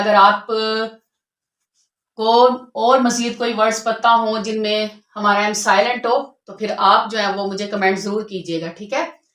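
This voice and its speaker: A woman's voice: mid-range voice, fairly bright tone. A woman teaching a spoken English lesson, patiently explaining rules and repeating each word twice. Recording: echoey room.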